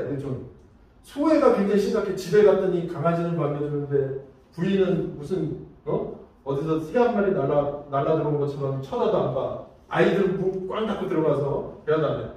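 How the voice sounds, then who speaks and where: Guy teaching a training class, tells stories, acts bits out, higher voice, big echoey hall, mic kinda far. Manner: lively storytelling with acted-out examples. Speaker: safety instructor. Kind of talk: training lecture. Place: large lecture room.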